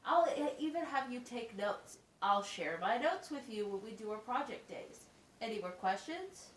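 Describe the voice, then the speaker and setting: Here the puppet schoolteacher, performed by a woman, is a patient, encouraging special ed teacher at wizard school who explains things step by step and asks questions along the way. Her pitch is fairly high, her pace moderate, and her intonation animated as she patiently explains. It's amateur puppet acting, captured on a faraway, echoey mic with slight noise.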